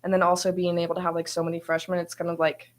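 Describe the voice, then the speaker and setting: A woman's voice: lowish voice, monotone, very fast. A young woman, a first-year college athlete, answering interview questions in a chatty, enthusiastic way with many fillers. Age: young adult.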